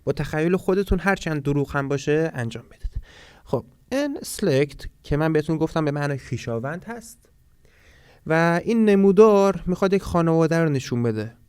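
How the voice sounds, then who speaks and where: A man teaching a language lesson from a textbook, reading foreign words slowly and explaining them step by step. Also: fairly high pitch, lively intonation, a little mellow, clear, resonant tone, no echo, studio quality. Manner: explains step by step, reads Swedish words slowly then translates.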